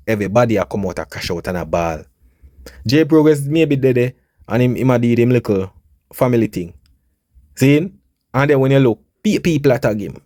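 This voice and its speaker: A man's voice: medium pitch, mellow, no room sound, clean studio sound. A man with a Jamaican accent giving casual, emphatic commentary on entertainment news and speaking straight to his viewers. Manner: conversational, emphatic, addresses viewers directly.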